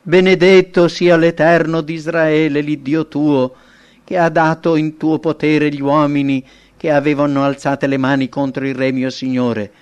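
A man's voice: a little high, flat delivery, a little slow, clear, resonant tone, close to an everyday voice. A man doing a solemn young messenger. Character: devout young male messenger bowing to king.

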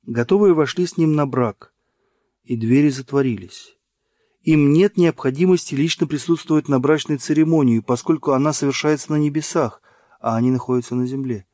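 A man narrating a religious book in a measured, solemn reading. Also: medium pitch, dark tone, no room sound, studio quality. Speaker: audiobook narrator.

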